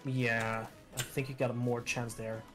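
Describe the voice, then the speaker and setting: A man playing alongside a streamer, calmly explaining game mechanics in casual chat. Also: medium pitch, a little slow, over music. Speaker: co-player.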